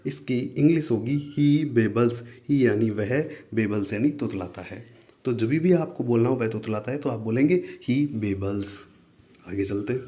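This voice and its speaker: A man teaching spoken English, repeating each phrase slowly and breaking it down word by word in a friendly, chatty way. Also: mid-range voice, dark tone. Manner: friendly, addresses viewers as friends.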